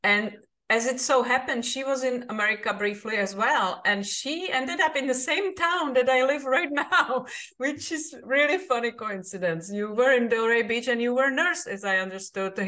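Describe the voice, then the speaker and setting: Speaking with a Czech accent, this woman hosts a podcast interview that begins with a scripted intro. Her slightly high voice sounds pushed and bright at a normal speed. She comes across as upbeat, welcoming, and emphatic.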